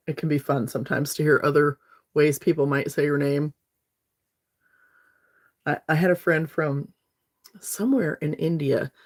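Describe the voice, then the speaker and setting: A woman. She chats casually with viewers on a makeup livestream and has a slight lingering cough. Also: sits low. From North Alabama, USA. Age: 50s. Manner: chatty and friendly, talking straight to viewers. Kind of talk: casual livestream chat while doing makeup.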